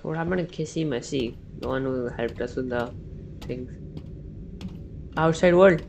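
A woman playing a horror game and commentating, reacting loudly and swearing when startled. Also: very deep voice, moderate pace, vocal fry, noisy background. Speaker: let's-play gamer. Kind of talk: gaming commentary.

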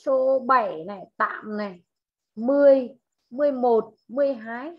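A woman English teacher in an online class, slowly modelling words, repeating them and correcting her students' pronunciation. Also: on the high side, muffled recording. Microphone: video call.

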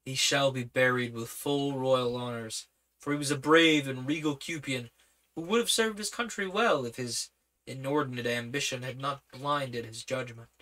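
Gallant male hero, read by a man, bold, firm, bright tone, audiobook character. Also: mid-range voice, normal speed, close to an everyday voice. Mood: solemn.

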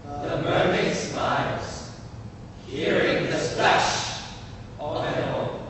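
A man reciting poetry for choral speaking, theatrical, with deliberate phrasing. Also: fairly high pitch, steady tone. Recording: echoey hall, far mic, noisy.

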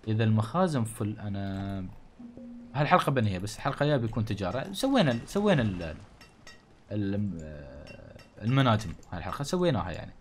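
A man's voice: on the low side, sing-song, racing, a little hiss or hum. A man with a Gulf Arabic accent giving casual gameplay commentary, thinking aloud and grumbling jokingly at the game's townsfolk. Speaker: gaming channel host. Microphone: studio condenser mic.

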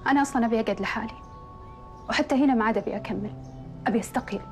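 A woman plays a heartbroken young woman. Her voice sits fairly high and moves quickly, and she sounds hurt and resigned. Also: faint music behind, lightly acted. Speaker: cafe worker. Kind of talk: TV drama acting.

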